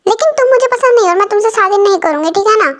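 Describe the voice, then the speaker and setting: A woman's voice: very high-pitched, expressive, rapid-fire. A woman voicing a feisty young female waiter who talks back sharply and defiantly.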